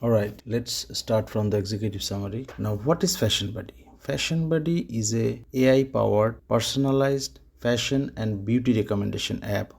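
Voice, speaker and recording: A man's voice: lowish voice, moderate pace, vocal fry, few pauses, darkish tone. A man in his thirties from Bangladesh, presenting a market research report as a plain list-like walkthrough, often correcting himself as he goes. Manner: plain, list-like delivery with frequent self-corrections.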